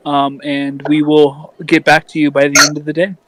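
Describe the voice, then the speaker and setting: A man's voice: a little high, completely flat delivery, normal speed, a loud crowd, rough recording. Hesitant man playing a tabletop game. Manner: hesitant, teasing. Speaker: player. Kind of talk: in-character tabletop game play.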